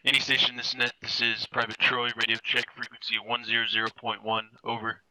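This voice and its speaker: A man making quick, clipped radio calls over an in-game helmet radio. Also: medium pitch, monotone, sharp tone, low-quality recording. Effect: in-game helmet radio transmission. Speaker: player on a military sim radio net. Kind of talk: radio procedure.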